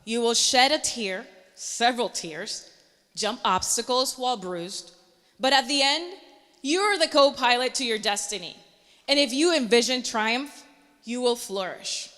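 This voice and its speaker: A woman's voice: a little high, lively intonation, measured pace, a bit bright, long reverb tail. A woman, an earnest meteorologist telling her personal story in a motivational speech. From Panama.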